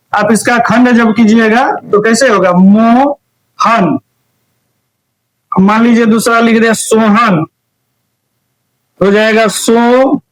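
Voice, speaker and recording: A man's voice: high-pitched, poor audio. A young adult man with a Bihari accent teaching grammar, explaining step by step and often checking whether the class is following. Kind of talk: recorded grammar lesson.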